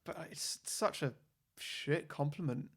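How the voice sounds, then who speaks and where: A man's voice: on the high side, takes it slowly, slightly rough. A man co-hosting a podcast, talking casually about a film in a thoughtful, hesitant way with frequent restarts. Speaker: podcast co-host.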